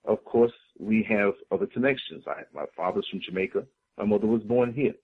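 A man's voice: fairly low pitch, fairly quick, slightly rough. A man from the United States, a guest on a talk show, speaking in an impassioned, preacherly way and repeating phrases for emphasis. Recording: tinny phone-line sound.

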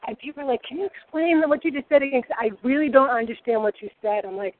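A guest cook in her forties with a Rhode Island accent chats boisterously and rambles on, her high-pitched voice moving at a quick pace. The recording sounds tinny and phone-like, with a little hiss or hum.

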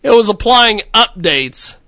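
A man's voice: high voice, lively intonation, unhurried, sharp tone, dry recording. A man hosting a live stream with casual, blunt, rambling chat. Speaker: show host.

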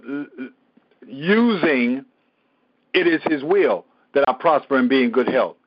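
A male pastor teaching a Bible study, who repeats phrases and swings from a low murmur to loud emphasis. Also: lo-fi sound.

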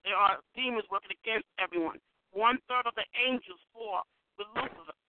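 A man's voice: sits high, no echo. A man leading an emphatic decreeing prayer on a conference call, heard over a crackly phone line that fades in and out. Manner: emphatic, repeats declare and decree. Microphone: phone held away from the mouth. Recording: tinny dry phone line.

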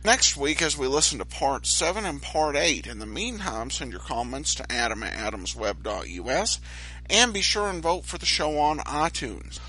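An American man hosting a podcast, giving analytical, measured commentary. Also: a little high, very animated, bright, forceful tone, breathy edge, rough recording. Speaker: podcast host.

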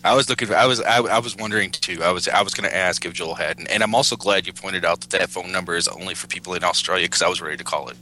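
A man's voice: deep voice, racing, hardly any pauses, bright, forceful tone, slight background noise, low-quality recording. A man appearing as guest co-host in a casual podcast conversation.

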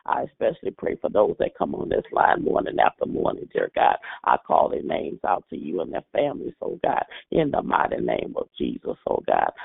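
A man's voice: very deep voice, gravelly, slightly rough, no echo. A man leading a morning prayer line, praying fervently and repeating "Lord God" after nearly every phrase. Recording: tinny phone line.

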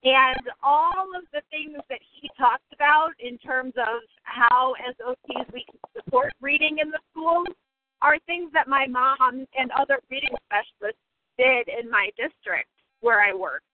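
A woman's voice: sits high, a little slow, no room sound. A woman occupational therapist joining a casual discussion by phone while she drives, her line breaking up now and then as she searches for her words. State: connection breaking up. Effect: calling in on a phone while driving a car. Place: in a moving car. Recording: tinny phone line with faint car noise.

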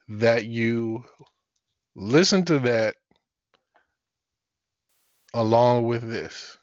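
A man leading a live Bible study, short of breath, speaking in a halting, deliberate way with frequent throat clearing. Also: no echo. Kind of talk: religious teaching on a live call-in. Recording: muffled, dull low-fidelity audio.

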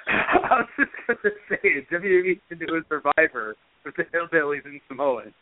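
A man's voice: fairly high pitch, sing-song, moderate pace, no room sound. Male co-host, easygoing casual chat, dry phone-line audio. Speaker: podcast co-host. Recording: tinny phone-like dry sound.

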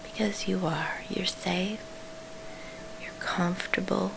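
A woman leading a guided sleep meditation in a soft, soothing whisper, pausing between short phrases. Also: fairly low pitch, fairly even intonation, creaky, noisy background.

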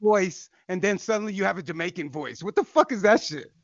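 A man's voice: sits high, brisk, highs cut off, crowd noise. A man joking and mocking profanely on a casual online show.

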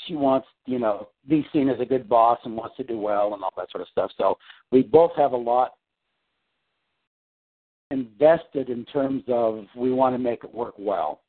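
This man, a coaching client, speaks at a medium pitch and an unhurried pace. Calling from home over a tinny line, he chats casually about his work, rambling with plenty of fillers and restarts.

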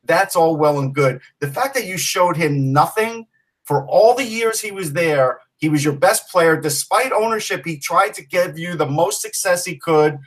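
A man's voice: fairly high pitch, lively intonation, moderate pace, recorded from a distance, low-quality recording. A man from Long Island co-hosting a casual sports podcast, opinionated and telling stories. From Long Island, New York. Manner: opinionated, storytelling. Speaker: podcast co-host.

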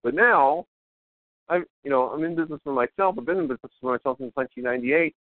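A man's voice: mid-range voice, fast, narrow, tinny audio. A middle-aged man giving a casual motivational talk in a wired, over-caffeinated way, eagerly rambling and often restarting his phrases. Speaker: self-help author, interview guest.

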